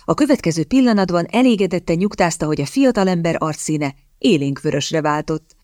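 A woman narrating a period romance novel in a measured storytelling manner. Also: lowish voice, lively intonation, darkish tone, no room sound, clean studio sound. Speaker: audiobook narrator. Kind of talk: scripted audiobook narration.

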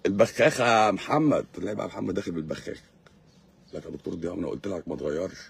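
A man's voice: sits low, expressive, very fast, vocal fry, slight background noise. A man with an Egyptian accent, a doctor hosting a live stream, lecturing in a sarcastic, mocking way. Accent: Egyptian Arabic. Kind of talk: casual live-stream monologue.

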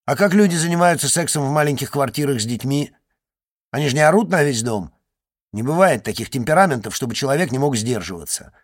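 A man voicing a loud, crude, spiteful schoolgirl who is stuck on a sofa and shouts and mocks in fast rants. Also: medium pitch, animated, dry recording, studio quality, voice pushed up, lightly acted. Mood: indignant.

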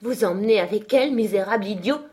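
A woman's voice: mid-range voice, fast, mellow, slightly rough, natural voice. A woman doing a scolding, indignant housekeeper. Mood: scornful.

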